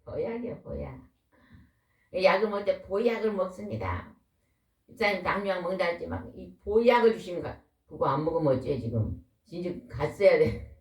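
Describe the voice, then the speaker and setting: A woman preaching a lively, folksy sermon, a pastor's wife who keeps asking the congregation questions. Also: fairly low pitch, normal speed. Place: church hall. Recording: echoey hall, voice from far off.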